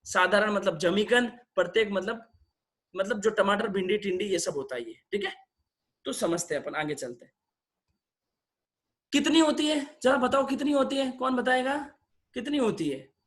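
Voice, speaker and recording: High-voiced man quizzing an online class. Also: lively intonation, a bit bright. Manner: quizzes participants, brisk and coaxing; mixes in English phrases. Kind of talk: interactive online religious lesson. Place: video call session.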